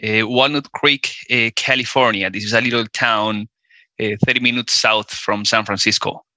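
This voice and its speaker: Man in his forties, Colombian Spanish accent, very bright tone, hesitant and full of fillers, dry sound. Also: lowish voice, steady tone, moderate pace, dry recording. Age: 40s. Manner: hesitant, many fillers and restarts. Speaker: guest. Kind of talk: casual interview conversation.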